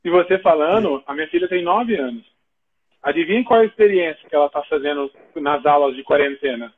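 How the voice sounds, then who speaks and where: Here the same Brazilian-accented host sounds fairly high and brisk, with slight background noise on a tinny phone-like line. Animated as ever, he spins stories in a relaxed live talk-show chat, voicing the characters' lines himself.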